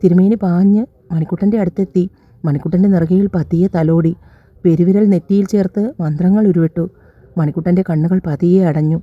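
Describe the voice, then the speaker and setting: Woman, storyteller, scripted narration, low pitch, dry muffled recording. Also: steady tone, fairly quick, no room sound. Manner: reads all characters' dialogue in her own voice, slightly raised.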